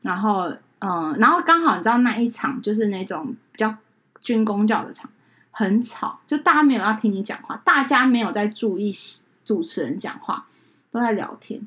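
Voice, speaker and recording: A woman's voice: medium pitch, moderate pace. A young woman, a podcast co-host and wedding emcee, telling a story in casual chat and acting out the people she quotes. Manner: animated, acts out quoted people.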